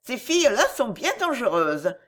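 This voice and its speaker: A woman's voice: a little high, sing-song, normal speed, fairly bright tone, pitched above the performer's own voice. A woman reading a storybook and voicing a haughty, jealous countess with a cutting, disdainful manner.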